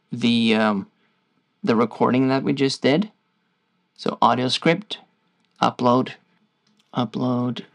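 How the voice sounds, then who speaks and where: A man with a Norwegian accent, casually walking viewers through a software tutorial in a loose, stop-start way. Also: mid-range voice. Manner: loose, stop-start explaining while clicking through screens. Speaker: tutorial host.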